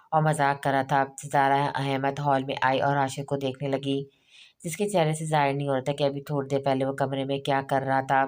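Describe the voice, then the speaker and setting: Very low, flat-voiced woman narrator. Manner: reads all characters in her own voice with small slips and restarts. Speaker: novel reader. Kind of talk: audiobook narration of a romance novel.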